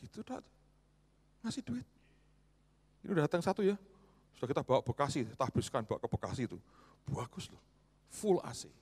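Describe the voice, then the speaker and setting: A man preaching a sermon. He tells stories dramatically, dropping to near-whispers and climbing to high exclamations, and often addresses the congregation directly. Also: lively intonation, fast, a little mellow. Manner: often addresses listeners as brothers and sisters. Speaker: preacher and spiritual mentor.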